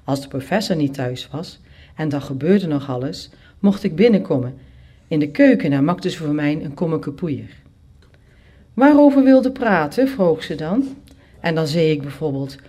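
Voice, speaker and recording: Expressive first-person storyteller. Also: medium pitch, normal speed, breathy edge. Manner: lively, expressive, acts out characters.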